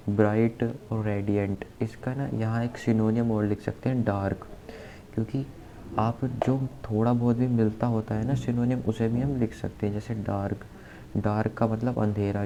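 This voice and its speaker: A man's voice: fairly low pitch, level tone, a little slow, mellow, rough recording. A man teaching exam vocabulary, spelling words out letter by letter and repeating key words as he explains memory tricks. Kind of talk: exam-prep vocabulary lesson. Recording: faint background noise.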